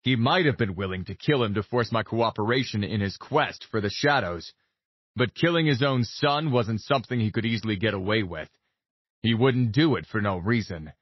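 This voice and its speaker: A man narrates a fantasy novel in the first person with an intense, brooding delivery. His voice is husky and mid-pitched. The recording is dry and slightly dull. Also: expressive, normal speed, no room sound. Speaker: audiobook narrator.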